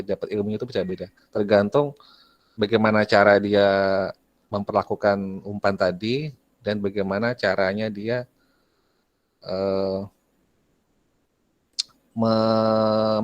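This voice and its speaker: A man's voice: lowish voice, flat delivery, measured pace, pauses often, no echo. Chatty male teacher quizzing his class. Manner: chatty, asks students questions, clears throat often. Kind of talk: online class lecture.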